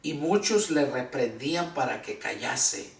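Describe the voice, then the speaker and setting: A male pastor preaching a sermon, reading scripture and explaining it with slow, emphatic repetition of key words. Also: mid-range voice, animated, gravelly, recorded from a distance. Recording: echoey room, voice from afar.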